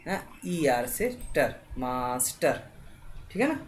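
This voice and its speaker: A woman with a very deep voice teaches spelling in a very animated way, spelling words slowly letter by letter. She often checks in with "thik hai." A little hiss or hum runs through the recording.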